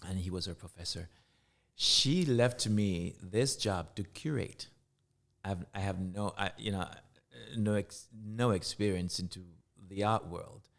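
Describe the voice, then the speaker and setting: A very low-voiced middle-aged man talks in an easy interview. He speaks reflectively and haltingly, often stopping and starting his sentences over as he recalls things. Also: creaky, fairly bright tone. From Jamaica. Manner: reflective, halting, with frequent restarts. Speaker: guest artist and curator. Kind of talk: casual interview conversation.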